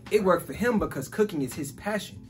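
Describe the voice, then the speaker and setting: A man's voice: high voice, lively intonation, a little fast, soft background music. A man in his twenties from Chicago, hosting a casual chat about business and money, easygoing and saying "bro" and "like" constantly. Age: 20s. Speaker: podcast host.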